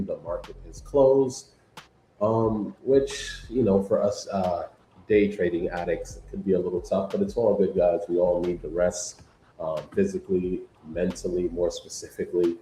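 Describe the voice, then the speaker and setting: Laid-back deep-voiced New man. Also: roomy sound, a little hiss or hum, low-quality recording. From New York. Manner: relaxed, rambling, many fillers, keeps saying "guys". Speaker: livestream host. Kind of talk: casual livestream chat.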